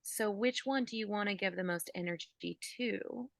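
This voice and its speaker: A woman guiding listeners through a calm body-awareness visualization, speaking softly with casual fillers. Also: mid-range voice, normal speed, vocal fry, dry recording. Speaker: physical therapist guiding an exercise. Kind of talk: guided visualization.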